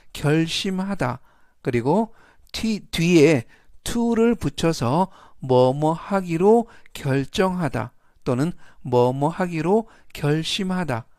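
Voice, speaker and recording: A man leads a scripted vocabulary lesson, pronouncing each English word and example with slow, careful emphasis. His voice sits a little high and the recording is dry and close, with no room sound. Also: a little mellow, dry recording.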